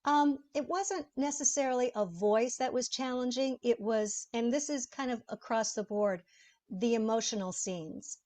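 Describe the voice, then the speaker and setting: A woman's voice: a little high, normal speed, darkish tone. A woman voice actor talking through her work in an interview, chatty and explanatory, laughing easily. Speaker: voice actor guest. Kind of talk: interview conversation.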